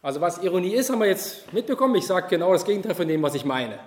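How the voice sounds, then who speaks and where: A high-pitched man preaches in a roomy, echoing space. He speaks animatedly, swinging between loud emphasis and quiet asides. He keeps turning to his listeners with direct questions. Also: expressive, rapid-fire. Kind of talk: sermon at a youth Easter retreat.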